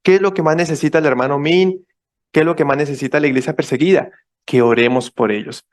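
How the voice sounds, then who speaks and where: A man's voice: a little high, quick pace. Man giving an explanatory church talk. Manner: explanatory, repeats key points, checks in with listeners. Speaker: visiting ministry speaker. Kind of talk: church presentation.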